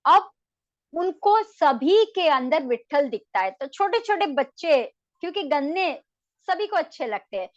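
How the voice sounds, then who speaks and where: A woman, a naturopathy and yoga doctor, tells a devotional story in a lively way and mixes English words into her speech. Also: high-pitched, measured pace, muffled recording.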